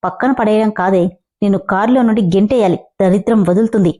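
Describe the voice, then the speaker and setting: A woman's voice: mid-range voice, fast talker, warm tone, close to an everyday voice. A woman voicing a young man who is curt, irritable and scornful, snapping his replies dismissively.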